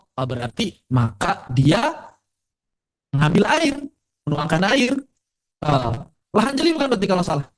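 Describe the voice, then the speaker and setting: Lively high-voiced Indonesian Quran teacher. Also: male voice. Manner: lively, asks the audience questions; slows right down to demonstrate recitation. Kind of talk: casual lecture to a live and online class.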